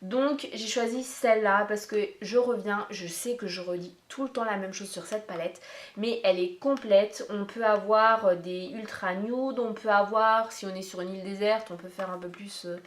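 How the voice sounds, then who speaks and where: A woman's voice: mid-range voice, steady tone, normal speed. A woman beauty vlogger chatting casually and at length to her viewers, talking straight to them as she wanders from point to point. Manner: chatty, meandering, addresses viewers directly. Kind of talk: casual makeup tag vlog. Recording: roomy echo.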